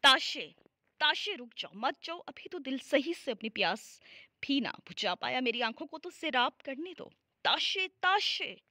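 A woman's voice: high-pitched, lively intonation, moderate pace, sharp tone, dry recording, clean studio sound. A woman reading an audiobook novel voices a desperate young man in love, pleading fervently in prayer.

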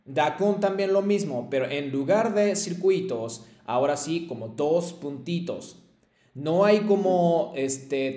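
Slow, patient male language teacher. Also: mid-range voice, darkish tone, reverberant. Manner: slow, patient, many fillers like "este" and "eh". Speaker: Japanese teacher. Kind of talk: online lesson, call-and-repeat drills.

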